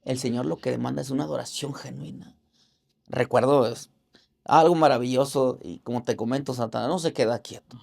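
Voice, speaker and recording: Very gravelly man telling his testimony. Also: mid-range voice, fairly even intonation, darkish tone. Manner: earnest, halting storytelling with religious fervor; acts out other people's words in raised voices. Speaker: interview guest. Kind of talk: personal faith testimony.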